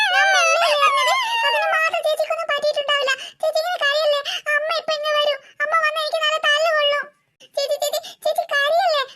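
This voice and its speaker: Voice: very high voice, bright, forceful tone. A performer voicing a younger sister in a cartoon, a little girl who pleads and tattles to her mother. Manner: pleading, wheedling.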